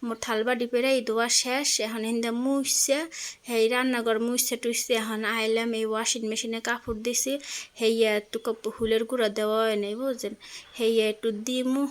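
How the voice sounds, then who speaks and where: A woman's voice: fairly high pitch, little pitch movement, fairly quick. A young woman speaking with a Barishal accent, chatting in a casual home vlog about her chores and her small children, often checking in with the viewer. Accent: Barishal dialect of Bengali. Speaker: vlogger.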